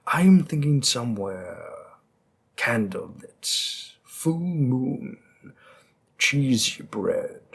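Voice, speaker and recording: An audio roleplay performer voices a flirty, smooth-talking mafia boss, speaking slowly at mid pitch with a gravelly, husky tone and playful menace. The full character voice is very animated and a bit bright, teasing and seductive as it drops into whispers.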